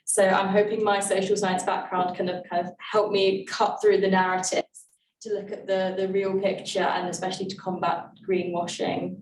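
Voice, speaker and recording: A woman's voice: mid-range voice, level tone, moderate pace. A young adult woman, an election candidate answering hustings questions earnestly, with many fillers and restarts. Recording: echoey room from far off, faint hiss.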